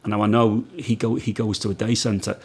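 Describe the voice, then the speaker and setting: A man hosting a casual chat, talking haltingly with many restarts and repeated words. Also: on the low side, little pitch movement, breathy edge.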